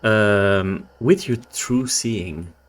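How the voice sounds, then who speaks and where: A man acting as game master, improvising narration for a tabletop game in informal, halting phrases. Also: on the low side.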